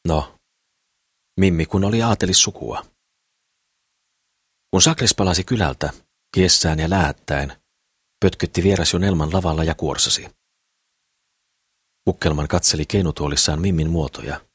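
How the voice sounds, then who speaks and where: Deep husky man reading an audiobook. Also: long pauses, dry recording, clean studio sound. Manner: calm, steady reading. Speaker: audiobook narrator. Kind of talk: scripted audiobook narration.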